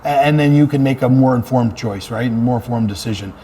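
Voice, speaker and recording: There's slight background noise as a man, speaking as an interviewed fire chief, talks a little fast in a mellow, mid-range voice. His manner is earnest and conversational, with phrases repeated for emphasis.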